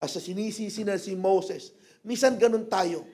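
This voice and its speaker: A man with a Filipino accent preaching a sermon in church as pastor, switching between Tagalog and English and rising to loud emphasis. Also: high-pitched, a little slow. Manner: mixes English phrases into Tagalog, animated, rises to loud emphasis.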